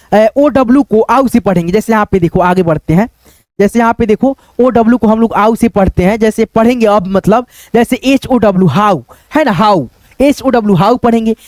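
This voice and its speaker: A man teaching English pronunciation, spelling words out letter by letter and then saying them slowly, with the same friendly filler phrases over and over. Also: very high-pitched, darkish tone, no echo. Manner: repetitive, keeps saying "okay friends" and "look here".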